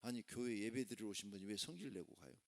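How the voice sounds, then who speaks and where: A man's voice: on the low side, quick pace, vocal fry. A male pastor preaching a sermon, emphatic and conversational, often putting rhetorical questions to the congregation. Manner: conversational asides mixed with proclamation. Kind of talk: sermon at a Friday worship service.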